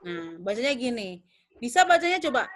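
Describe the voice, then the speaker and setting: A young woman leads a pronunciation lesson, her voice sitting a little high. She repeats each word slowly and keeps asking whether her students follow. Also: sing-song. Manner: drills words, repeats them slowly, checks understanding. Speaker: English teacher.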